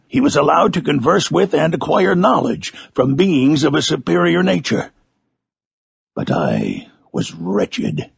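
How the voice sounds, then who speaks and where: A man voicing a wretched, eloquent, brooding monster in a gothic audiobook monologue, with a raspy, gravelly voice and a grave, formal, anguished theatrical delivery. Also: medium pitch, no room sound, exaggerated voice. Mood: bitter, sorrowful.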